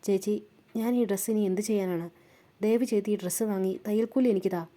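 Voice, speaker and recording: A woman's voice: medium pitch, fairly even intonation, quick pace, mellow, natural voice. A woman voicing a worried young seamstress who pleads and frets. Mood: pleading. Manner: pleading, anxious questions.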